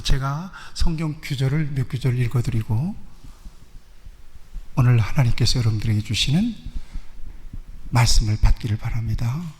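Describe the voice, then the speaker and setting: A male pastor giving an earnest sermon, questioning the congregation and slowing down when he reads scripture. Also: medium pitch, a little mellow. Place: church sanctuary. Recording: long reverb of a church hall.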